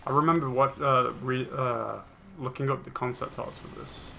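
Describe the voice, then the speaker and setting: A man's voice: medium pitch, steady tone, normal speed, vocal fry, very noisy. A young man chatting casually beside a friend's gameplay, laid-back and swearing now and then. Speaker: co-commentator.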